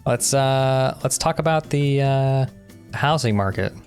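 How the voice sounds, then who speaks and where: Speaking a little slowly in a medium-pitched voice, a young man co-hosts a podcast with faint music behind him. The talk is a casual discussion where he offers opinions and explains his thinking.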